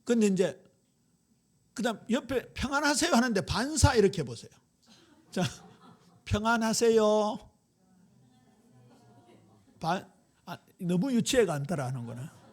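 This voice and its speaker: A male pastor from Daegu with a Gyeongsang accent, preaching a lively, joking sermon to his congregation. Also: sits high, moderate pace, pauses often, breathy edge. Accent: Gyeongsang Korean. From Daegu, South Korea.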